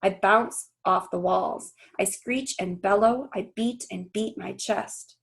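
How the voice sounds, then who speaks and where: A woman reads a storybook in which an earnest, anguished gorilla tells his own tale, delivered in short, dramatic phrases and heavily acted. The voice is mid-range and a bit bright, husky with a creaky edge, moving slowly in a solemn, intense mood.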